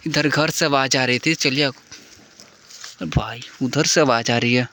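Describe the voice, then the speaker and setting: A man's voice: medium pitch, fairly even intonation, a little slow, pushed and bright, a little hiss or hum. A man vlogging a night ghost hunt in an abandoned hut, calling out nervously and pleading with an unseen spirit. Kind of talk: spooky exploration vlog narration.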